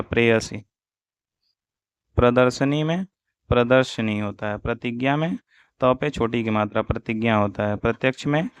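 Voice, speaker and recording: Man slowly drilling spellings in a lesson. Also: mid-range voice, clear, resonant tone, dry recording. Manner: slow, drilling recitation of correct and wrong spellings. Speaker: Hindi teacher. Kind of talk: exam-prep spelling lesson. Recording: dull, dry lo-fi audio.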